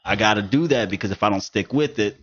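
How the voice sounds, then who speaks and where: A man's voice: fairly low pitch, fast talker, fairly bright tone, a little hiss or hum. A man in his thirties hosting a podcast, telling stories in casual, profane, emphatic chat. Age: 30s. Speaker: podcast host. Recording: dull lo-fi studio recording.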